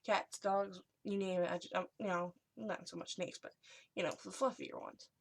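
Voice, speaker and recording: A young adult woman vlogging in a hushed, whispery voice, chatting casually as she reads and reacts to short messages. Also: on the low side, steady tone, moderate pace, creaky. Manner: hushed, whispery delivery, as if sharing secrets.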